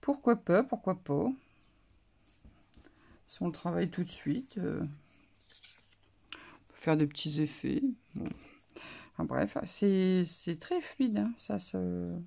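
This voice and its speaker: A woman's voice: on the low side, slow pace, creaky, pauses often, dark tone. A woman vlogger casually showing off a craft haul, talking in a hesitant, musing way with many fillers. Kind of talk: casual show-and-tell haul.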